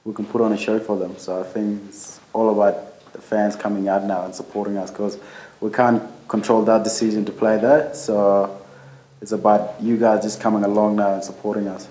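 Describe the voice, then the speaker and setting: A young man being interviewed as a football guest, laid-back and halting. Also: lowish voice, flat delivery, mellow. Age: young adult. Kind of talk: casual interview. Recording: roomy echo.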